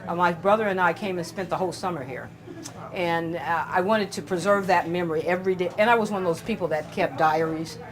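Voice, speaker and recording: An older woman with a slightly low voice tells family stories in an interview. She speaks in a relaxed, conversational way. When she quotes other people, she slips into their voices with animated delivery. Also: fairly quick, crowd noise. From California. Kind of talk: storytelling interview.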